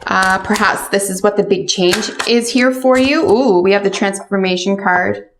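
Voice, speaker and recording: A woman's voice: mid-range voice, normal speed, noisy background. Casting: female tarot reader, mid-range voice, conversational fortune-telling delivery aimed straight at the listener. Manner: fortune teller, addressing the listener directly with pointed questions and cautions. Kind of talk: casual spoken tarot and oracle card reading.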